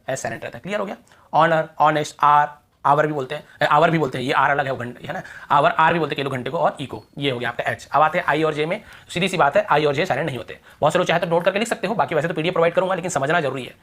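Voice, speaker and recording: A man's voice: fairly high pitch, a bit bright. A man teaching a lesson, repeating rules and example words over and over. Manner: repetitive, drilling examples aloud. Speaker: English teacher. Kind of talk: classroom lesson explaining rules.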